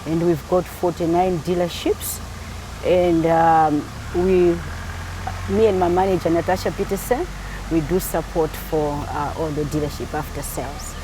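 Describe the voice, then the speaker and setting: A woman's voice: low voice, fairly even intonation, a little slow, background noise. A middle-aged woman from Malawi, talking in a casual interview and laughing easily.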